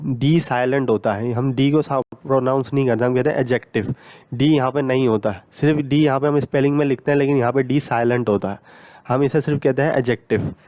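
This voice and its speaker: A man's voice: mid-range voice, dark tone, no room sound. A man teaching English grammar, explaining patiently and repeating points, mixing English grammar terms into his talk.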